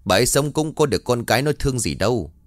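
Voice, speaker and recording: A man's voice: mid-range voice, expressive, fast talker, dry recording, clean studio sound, lightly acted. A man voicing a blunt older village woman who judges her neighbours scornfully. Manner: blunt, tongue-clicking, judgmental.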